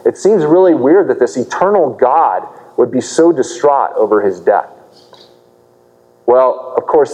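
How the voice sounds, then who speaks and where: A pastor preaches an earnest sermon from the pulpit, explaining a passage and posing rhetorical questions to his listeners. His mid-range voice is dark and mellow, ringing with the long reverb of a large church hall.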